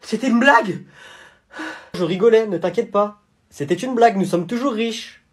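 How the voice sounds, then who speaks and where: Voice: mid-range voice, normal speed, breathy edge, natural voice. A storyteller voicing a rich father who teases his young son, in a slime-video story. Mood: teasing. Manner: playful, teasing after a scare.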